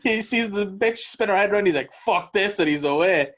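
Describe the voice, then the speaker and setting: A man co-hosting a podcast, chatting casually about a movie in a blunt, animated way and swearing freely. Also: high-pitched, fast. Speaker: podcast co-host. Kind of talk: casual movie review chat.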